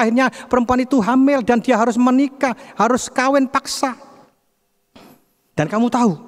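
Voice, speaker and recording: A man's voice: very high-pitched, pitched above the performer's own voice. A preacher voicing a woman's church friend who eagerly reveals bad news about the ex-boyfriend. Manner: urgent, revealing. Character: gossipy female church friend. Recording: long hall reverb.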